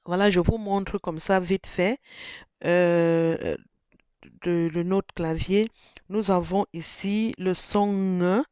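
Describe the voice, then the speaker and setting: A presenter walks through a phone setup at a slow, unhurried pace, stopping and restarting as they think aloud. The voice is smooth and clear, recorded dry and close. Now and then they sound out single vowels to show the tones. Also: medium pitch, steady tone, darkish tone, no echo. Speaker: tutorial presenter. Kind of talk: step-by-step phone tutorial.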